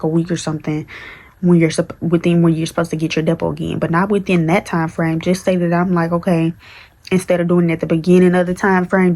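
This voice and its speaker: A woman in her early twenties with talks candidly in a rambling vlog chat, full of fillers and restarts. Her voice sits low and stays fairly flat in pitch throughout. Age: 20s. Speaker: vlogger. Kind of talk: casual chat to camera.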